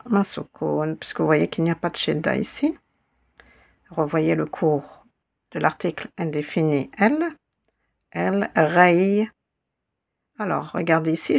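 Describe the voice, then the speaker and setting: Woman, teacher, patient, very slow, gravelly, repeats syllables. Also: fairly low pitch. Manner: patient, repeats syllables and words slowly for learners. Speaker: Arabic teacher. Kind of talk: slow spelled-out reading lesson.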